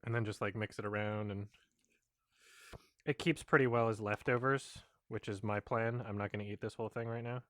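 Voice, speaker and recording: A man with a fairly low voice talks casually as a mukbang host. His delivery is offhand and rambling, and the sound is close and dry, with little room on it. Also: fairly even intonation, brisk, no room sound. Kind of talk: casual eating vlog chat.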